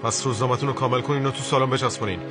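A warm-hearted cartoon schoolteacher, voiced by a man, speaking gently and encouragingly in an ordinary mid-range voice. Clear music plays behind him. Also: mid-range voice, steady tone, close to an everyday voice. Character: kind patient male schoolteacher. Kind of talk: dubbed cartoon acting. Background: background music.

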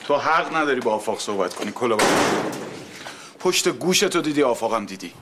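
An actor playing a gruff, threatening uncle who guards his family in a comedy-drama series. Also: mid-range voice, animated, heavy background noise, close to an everyday voice. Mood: hostile. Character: hot-tempered protective uncle.

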